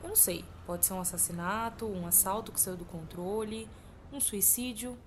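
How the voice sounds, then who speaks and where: Woman acting as stern police chief, authoritative, matter-of-fact, average female pitch, slight background noise, crime comedy-drama. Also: moderate pace, lightly acted.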